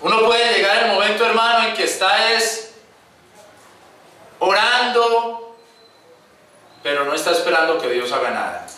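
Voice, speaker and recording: Man, preacher, sermon, sharp forceful voice, very echoey room, mic at a distance. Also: high voice, animated, unhurried, pauses often. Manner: addresses the congregation as brothers, acts out quoted voices. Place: church hall.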